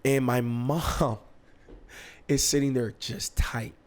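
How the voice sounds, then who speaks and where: A man's voice: medium pitch, takes it slowly. A young man from Nigeria hosting a podcast, telling a story in casual chat and acting out quotes with bursts of laughter. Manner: animated, acts out quotes with laughter. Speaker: podcast host.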